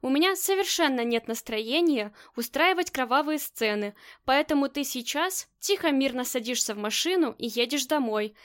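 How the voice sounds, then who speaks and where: A woman's voice: high-pitched, expressive, moderate pace, hardly any pauses. A woman voicing a cold, commanding female crime boss in an audiobook, curt and scornful.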